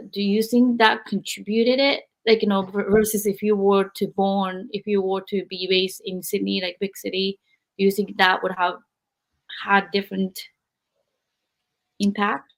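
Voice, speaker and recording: Female interviewer, mid-pitched, rephrases her questions as she asks them. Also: steady tone, unhurried. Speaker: host.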